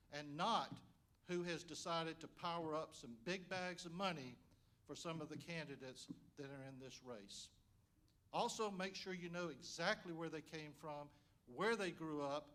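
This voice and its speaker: A man's voice: on the high side, a bit bright. A man, a candidate, giving an earnest speech that urges voters directly at an indoor forum event. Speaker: congressional candidate.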